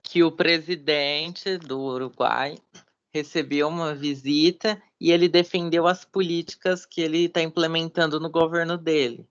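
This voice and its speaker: A woman's voice: sits low, fairly even intonation, unhurried. A woman student answering a question and reading an exam question aloud in class. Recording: dull lo-fi sound.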